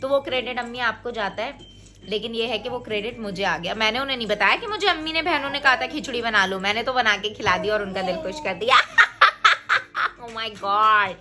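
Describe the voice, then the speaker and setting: A woman's voice: on the high side, brisk, pushed and bright. A woman in her thirties chatting casually to camera as a family vlogger, talking to her viewers as guys. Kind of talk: casual vlog chat to camera.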